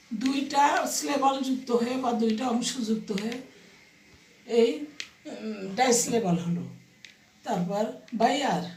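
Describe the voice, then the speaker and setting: A woman teacher giving an online grammar lesson to young pupils, spelling words out slowly and asking and answering her own questions. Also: on the high side, reverberant, far from the mic. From Bangladesh.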